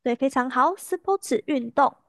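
A woman teaching a language lesson, patiently repeating words slowly and clearly for her students. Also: sits high, animated, a bit bright, no room sound, studio quality.

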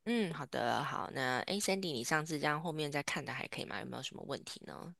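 A woman's voice: low voice, quick pace, gravelly, fairly bright tone, no room sound, studio quality. A woman teaching an English lesson. She patiently explains grammar and starts nearly every phrase with "好".

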